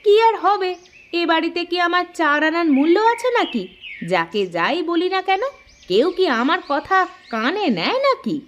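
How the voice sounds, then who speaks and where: Shrill nagging village mother. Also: big pitch swings, moderate pace, a little hiss or hum. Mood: complaining. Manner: scolding, complaining, sarcastic. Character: nagging village mother, sharp-tongued and scolding. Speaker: cartoon voice actress. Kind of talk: cartoon voice acting.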